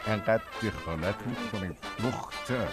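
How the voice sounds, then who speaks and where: A man's voice: fairly low pitch, natural voice. An actor dubbing a hesitant middle-aged fisherman father in a TV drama. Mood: flustered. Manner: hesitant, lots of fumbling. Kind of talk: dubbed TV drama. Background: music.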